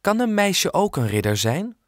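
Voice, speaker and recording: A man voicing an eager little girl in an audiobook, with high, excited exclamations. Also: moderate pace, no echo, studio quality. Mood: curious. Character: eager little girl who dreams of knighthood. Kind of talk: audiobook character voice.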